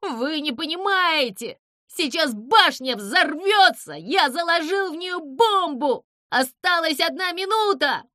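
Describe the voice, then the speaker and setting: A woman's voice: lively intonation, slow pace, no echo, studio quality, exaggerated voice. A woman reading a storybook aloud, voicing a small, boastful male alien villain who shrieks and whimpers. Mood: panicked wailing. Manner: shrill, yelling, boastful then whimpering.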